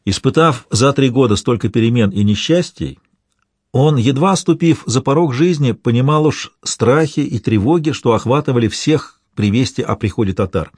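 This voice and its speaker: Man, audiobook narration, measured storytelling, average pitch, dry close recording. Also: husky, no echo. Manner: measured, old-fashioned storytelling.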